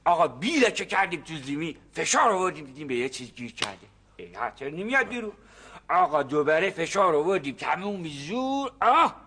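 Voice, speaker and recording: An actor playing a nervous rural farmer who tells his story in hushed, dramatic whispers, in a TV comedy series. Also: fairly high pitch, sing-song, slightly rough, exaggerated voice. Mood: secretive. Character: nervous rural male farmer, secretive and fussy. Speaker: farmer explaining a find.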